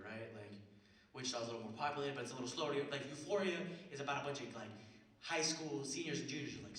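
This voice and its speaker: A man's voice: mid-range voice, a bit bright. A young man doing a stand-up comedy set on a theater stage, talking loosely and profanely with lots of fillers and slang. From Mexican heritage. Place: small theater stage with live audience. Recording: roomy theater sound from a distant mic, crowd audible.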